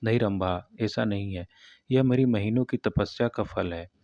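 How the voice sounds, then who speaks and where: A shy young village lover, earnest and a little shaky, as a male storyteller reads him in a low, mellow voice. The audio is dry and slightly muffled. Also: moderate pace, no echo, close to an everyday voice. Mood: yearning. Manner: earnest, trembling with feeling.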